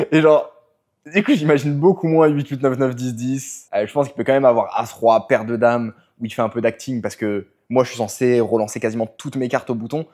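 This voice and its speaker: A man's voice: medium pitch, moderate pace, a little mellow. A man telling his poker session as a vlog, analytical and full of English poker jargon. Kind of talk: storytelling vlog narration.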